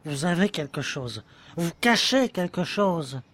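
A man's voice: on the high side, sing-song, a little slow, a bit bright, exaggerated voice. A man playing an adoring, anxious young lover in an amateur audio drama, talking tenderly and pressing for answers. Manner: tender, pleading, insistent. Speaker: voice actor.

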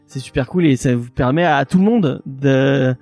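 A man co-hosting a casual podcast, excitable and playful, stumbling and repeating his words. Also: mid-range voice, moderate pace, dry recording, faint music behind. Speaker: podcast co-host. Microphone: headset.

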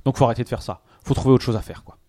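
A man's voice: mid-range voice, very fast, mellow, no room sound, clean studio sound. A man hosting a casual French podcast, joking and steering the talk along. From France. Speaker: podcast host. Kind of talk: casual banter.

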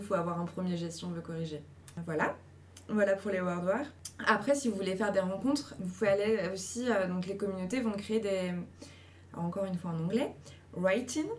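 A woman's voice: medium pitch, darkish tone. A woman casually giving viewers encouraging advice, chatty and full of fillers. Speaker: host giving writing advice.

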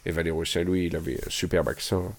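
A man's voice: low voice, fairly even intonation, fast talker. A man hosting a podcast, telling long rambling stories with lots of fillers and enthusiasm. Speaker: podcast host. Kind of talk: casual chat.

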